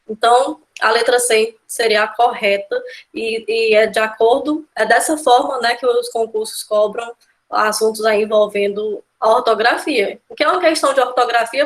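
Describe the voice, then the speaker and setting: A woman's voice: a little high, a bit bright. A woman with a Brazilian accent teaching an exam-prep grammar lesson, explaining step by step and often checking in with her students. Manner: explanatory, keeps adding "né?" and "tá?" checks. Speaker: Portuguese teacher.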